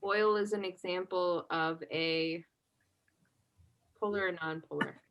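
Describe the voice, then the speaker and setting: A woman with a fairly low voice runs a relaxed chemistry exam review. She keeps quizzing her class and tags her explanations with a quick "right?" to make sure everyone follows. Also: low-quality recording. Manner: checks understanding constantly with "right?"; relaxed conversational teaching, asks class questions. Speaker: chemistry instructor.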